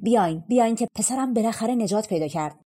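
Fairy-tale king, read by a woman: worried, earnest, begging a favour, low husky tone. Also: expressive, a little mellow. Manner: earnest and pleading. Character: anxious old king seeking a content man.

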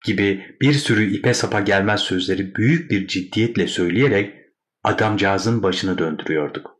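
Lower-voiced man reading a classic story. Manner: measured, wry storytelling. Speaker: narrator. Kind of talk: audiobook narration of a classic story.

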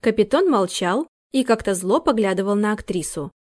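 A woman narrating an audiobook in a steady, expressive manner. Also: medium pitch, normal speed, no room sound, clean studio sound.

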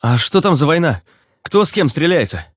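A man's voice: a little high, sing-song, normal speed, no echo, voice pushed up. A male narrator voicing a tired, sarcastic young man with a dry, sardonic way of speaking. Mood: wry. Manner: dry, sardonic, swears casually. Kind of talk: audiobook character voice.

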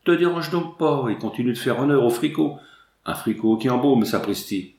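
A man voicing a loud, jovial young country soldier who talks bluntly and boisterously. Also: lively intonation, normal speed, echoey room, close to an everyday voice. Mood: hearty. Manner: boisterous, booming country talk.

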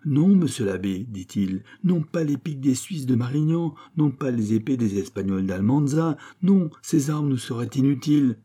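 A man's voice: mid-range voice, lively intonation, moderate pace, few pauses, mellow, slightly rough, pitched above the performer's own voice. A man voicing a naive, sly young village man who pleads in a mock-polite, wheedling way.

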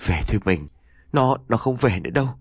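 A man voicing a heartbroken village father who speaks softly and lowly to comfort his wife, for an audiobook. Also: expressive, quick pace, vocal fry, dry recording, studio quality. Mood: sorrowful. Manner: low, soft and subdued. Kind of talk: audiobook character voice.

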